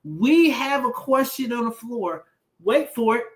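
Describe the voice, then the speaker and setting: A man co-hosting a marriage livestream as a pastor, talking in a lively, preacher-like way with call-and-response catchphrases. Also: extremely high pitch, unhurried. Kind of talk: casual chat on a livestream.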